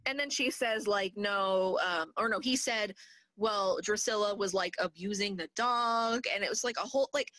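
A young woman in casual chat, animated, acting out quotes and laughing often. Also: medium pitch, normal speed, dry recording, low-quality recording. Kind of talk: casual chat about a reality show.

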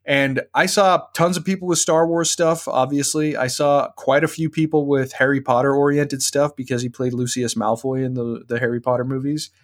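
A male podcast host in the middle of a long, rambling story, full of restarts and self-corrections. His pitch sits right in the middle of the male range. The delivery is casual and conversational. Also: moderate pace, few pauses. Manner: rambling, animated anecdote with frequent restarts.

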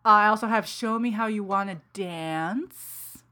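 A woman in casual book chat, recapping a novel with animated, profane enthusiasm and frequent laughter. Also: mid-range voice, unhurried. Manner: animated, profane, laughs often while retelling.

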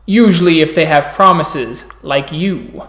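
A man's voice: fairly high pitch, a little slow, fairly bright tone, echoey room. A man voicing an ominous fire spirit in a tabletop game, a fire demon speaking tersely and solemnly in a crackling voice. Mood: reproachful. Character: ominous fire spirit demanding trees be burned. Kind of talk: tabletop role-play character acting.

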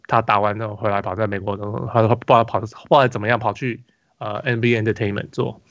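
Fast-talking man with a Taiwanese Mandarin accent. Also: lowish voice, little pitch movement, a bit bright, no room sound, lo-fi sound. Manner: rambling storytelling with many restarts and fillers. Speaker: podcast host. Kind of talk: casual basketball podcast chat.

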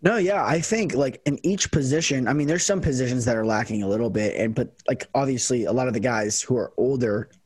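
A man's voice: mid-range voice, fairly quick, hardly any pauses, darkish tone, slightly rough, dry recording. A young man hosting a casual podcast chat, rambling with lots of fillers and restarts. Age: young adult. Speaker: podcast host and college football kicker.

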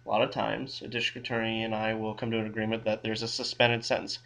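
A man's voice: on the low side, level tone, fast talker, gravelly, a bit bright, poor audio. A man who works as a criminal defense lawyer co-hosting a casual legal advice podcast, explaining things in a wry, thinking-aloud way with frequent restarts.

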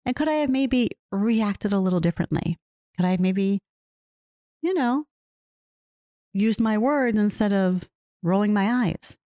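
A woman's voice: medium pitch, dark tone, no room sound, clean studio sound. A woman hosting a solo podcast, talking earnestly and reflectively, often repeating phrases and asking herself questions. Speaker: podcast host.

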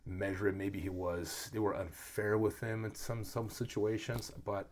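A man's voice: lowish voice, moderate pace, a little hiss or hum. A man who grew up in Brazil, talking in a casual, emphatic conversation and acting out quotes as he argues. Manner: animated, emphatic, acts out quotes.

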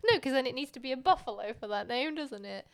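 A woman in casual conversation, her voice sitting a touch high and bouncing around a lot. She giggles often and leaves her sentences unfinished. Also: expressive, quick pace. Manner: giggly, playful, trails off mid-sentence. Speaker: podcast co-host. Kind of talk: casual chat.

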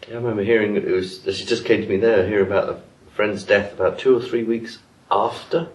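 A man's voice: on the low side, fairly even intonation, brisk. A man casually contributing his thoughts to a group discussion. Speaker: audience participant. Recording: distant mic, echoey room.

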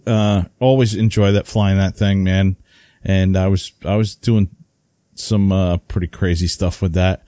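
With a deep voice and an unhurried delivery, a man co-hosts a hobby podcast, chatting casually and spinning rambling, animated stories thick with fillers. The studio-quality recording has no echo.

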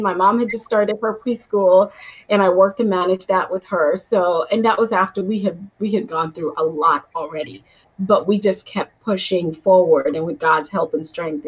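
A woman originally from Guyana speaks as an interview guest, sharing her journey as a coach. She talks in an animated, storytelling way with easy laughs. The call audio is somewhat dull and lo-fi. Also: medium pitch, husky. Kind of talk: conversational interview answers.

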